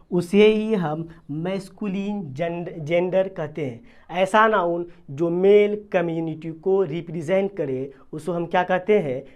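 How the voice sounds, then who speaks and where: A grammar teacher giving a video lesson, who keeps asking questions, answers them, and repeats key terms. English definitions are read out slowly, word by word. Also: mid-range voice, a little mellow. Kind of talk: classroom-style video lesson in Hindi mixed with English terms.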